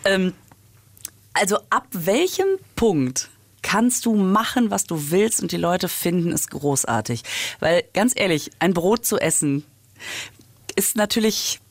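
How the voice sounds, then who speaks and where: A woman's voice: lowish voice, animated, a little slow, no room sound. A woman co-hosting a podcast in casual, playful chat, laughing often. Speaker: podcast co-host.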